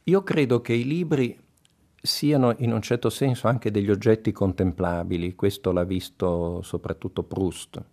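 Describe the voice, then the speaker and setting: A man giving reflective literary commentary in a contemplative, deliberate way. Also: fairly low pitch, mellow.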